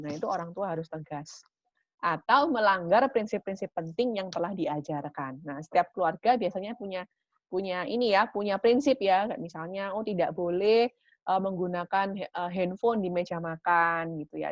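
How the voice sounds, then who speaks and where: A woman's voice: medium pitch, no room sound. A woman giving a parenting talk. She explains patiently and often closes her points with a short tag question. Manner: warm teaching tone with frequent "gitu ya" tags. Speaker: parenting speaker. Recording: dry, dull lo-fi recording.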